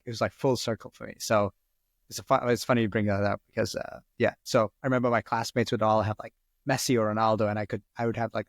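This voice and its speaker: Speaking in a gravelly voice on the low side, a twenty-something man from Sri Lanka, a first-language Arabic speaker, rambles casually through podcast questions as a guest, leaning on "like" and "um." The recording is dry and studio quality.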